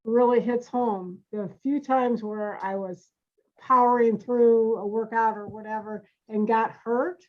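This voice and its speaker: A woman's voice: fairly high pitch, steady tone, unhurried. A woman taking part in a Q&A who is congested and speaks through her nose, talking casually. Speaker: participant asking a question. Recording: dull lo-fi audio.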